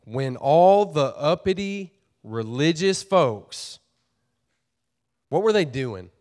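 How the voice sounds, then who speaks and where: A man's voice: a little high, very animated, takes it slowly, darkish tone. A pastor preaching a sermon to his church, earnest and folksy, often repeating and restarting his phrases.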